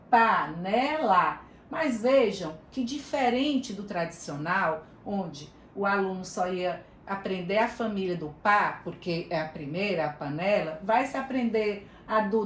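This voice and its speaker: A woman's voice: medium pitch, reverberant, slight background noise. Woman teaching over a video call. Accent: Brazilian Portuguese. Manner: warm explanatory, chatty asides, addresses listeners by name. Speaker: teacher trainer. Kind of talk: online training lecture.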